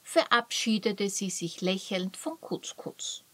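A woman calmly reading a children's story aloud. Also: mid-range voice, slow pace, no room sound. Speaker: narrator.

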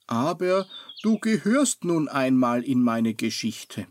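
A man's voice: medium pitch, very animated, slow, darkish tone. A man voicing a timid, anxious young wizard apprentice in a children's storybook reading. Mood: apologetic. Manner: anxious, stammering under pressure.

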